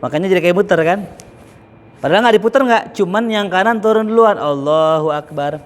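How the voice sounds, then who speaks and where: A man's voice: high-pitched, fast talker. A man giving a casual, joking lesson as a preacher in a mosque, acting out examples as he talks. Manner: joking, chatty, acts out examples. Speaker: Islamic preacher. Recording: echoey hall with faint ambience.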